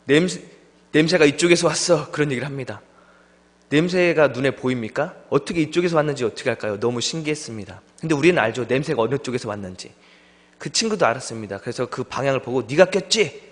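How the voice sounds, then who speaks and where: A young man preaching a sermon as a junior pastor, telling stories with lively delivery and acting out the voices of friends. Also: mid-range voice, fast. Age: young adult. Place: church sanctuary. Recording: long church hall reverb.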